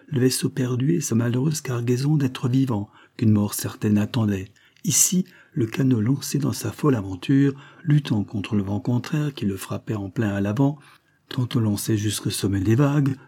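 A man narrating a Victorian novel in a steady, measured way. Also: on the low side, slightly rough. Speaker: audiobook narrator. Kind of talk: scripted narration.

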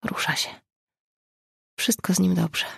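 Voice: mid-range voice, steady tone, measured pace, gravelly, darkish tone, husky, no echo, studio quality, full character voice. A reader voicing a weak, grieving pregnant young woman who speaks in a faint whisper.

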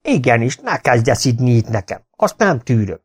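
A man voicing a gruff, domineering older farmer who growls and scolds in an audiobook. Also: mid-range voice, very animated. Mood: grudging praise. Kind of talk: audiobook character voice.

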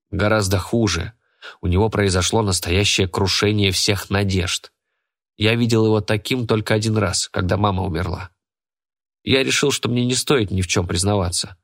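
A man narrates a first-person story in a steady, measured reading voice. His pitch sits on the low side. The delivery stays even throughout. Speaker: audiobook narrator.

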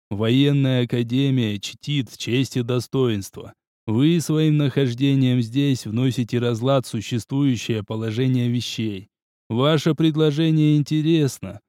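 A man's voice: mid-range voice, dark tone, no room sound, studio quality, natural voice. A man voicing a stern, cunning male military academy instructor who speaks formally. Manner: measured, cold, formal.

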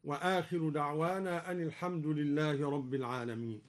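A man who is a Quran scholar, explaining recitation variants on radio and chanting each example slowly and carefully. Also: fairly high pitch, steady tone. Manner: explains, then chants slow measured examples.

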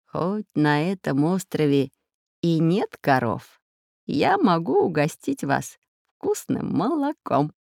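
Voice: medium pitch, lively intonation, a little slow, gravelly, dry recording, studio quality, full character voice. A storybook narrator voicing a learned geographer professor who explains things patiently. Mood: explaining. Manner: explaining, lecturing.

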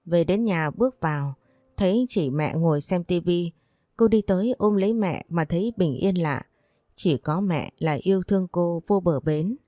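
A woman reads a romance story aloud, taking every part in the same even voice. Her tone is low and mellow, and the recording is dry and close. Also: moderate pace, no echo. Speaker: audiobook narrator. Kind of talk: scripted narration of a romance story.

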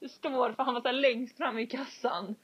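A young woman in casual podcast chat, telling a story with lively acted-out quotes and casual swearing. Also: a little high, husky. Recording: dull lo-fi sound.

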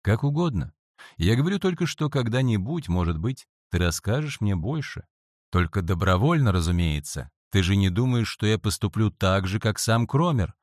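A calm, knowing schoolboy, played by a male audiobook reader, probing gently and with quiet assurance. The voice sits low but moves in lively curves. The recording is dry and close. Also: normal speed, no room sound.

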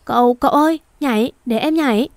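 Casting a woman doing a meek young servant girl, high, dry voice, pleading and anxious. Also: fairly quick, no room sound. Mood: frightened. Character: timid devoted young female servant girl.

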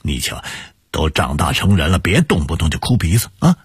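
A man's voice: a bass voice, big pitch swings, normal speed, breathy edge, no room sound, exaggerated voice. A man doing a hearty returning elder. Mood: urgent. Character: middle-aged man returning home, brisk, later stunned.

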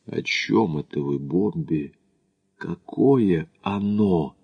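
A man voicing Macdonald, a quiet, irritated male traveler in an audiobook, speaking in a low, clipped way. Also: takes it slowly, gravelly, slightly rough, lo-fi sound, full character voice.

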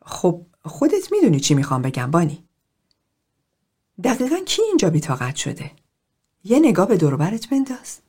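A woman voicing an older male group therapist who questions steadily and presses gently. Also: fairly low pitch, wildly swooping pitch, long pauses, slightly rough, exaggerated voice. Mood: probing.

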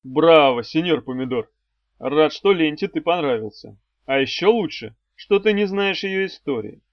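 A man's voice: fairly high pitch, expressive, normal speed, no room sound. A man voicing a sardonic demon swordsman. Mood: mocking. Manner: mocking, commanding, dry threats. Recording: dry, slightly dull audio.

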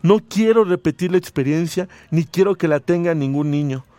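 Man, radio host, high voice, dry close sound, expressive storyteller. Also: moderate pace, no echo. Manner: expressive reading, voices quoted lines loudly. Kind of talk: dramatic story reading, then casual radio chat.

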